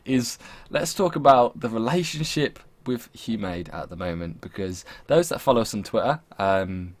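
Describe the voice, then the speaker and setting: A man's voice: lowish voice, lively intonation, normal speed. A young man hosting a podcast with casual, sweary, teasing banter over a voice call. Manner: sweary, mocking. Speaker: podcast host.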